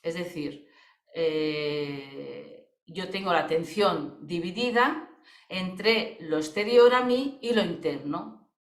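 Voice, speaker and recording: A woman's voice: lowish voice, slow. Woman, voice therapist, conversational webinar, fillers and tag questions, roomy echo. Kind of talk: webinar explanation.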